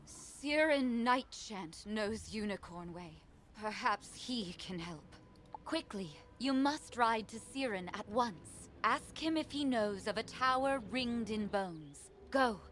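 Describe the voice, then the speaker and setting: A woman voicing a wise, solemn female guide in a video game, speaking in a deliberate, dramatic way. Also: fairly high pitch, animated, a bit bright. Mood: ominous, urgent. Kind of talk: video game character acting.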